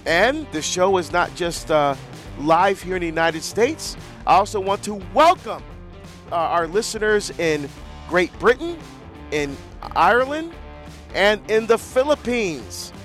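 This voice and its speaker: A man's voice: high-pitched, expressive, unhurried, soft background music. Earnest Barbados-born man hosting radio. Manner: earnest, warm storytelling with frequent restarts. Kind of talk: live call-in radio talk.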